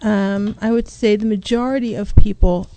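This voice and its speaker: A woman hosting an informal talk radio show, speaking in a halting, rambling, apologetic way. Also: mid-range voice, fairly even intonation, mellow, slight background noise, rough recording. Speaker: radio host.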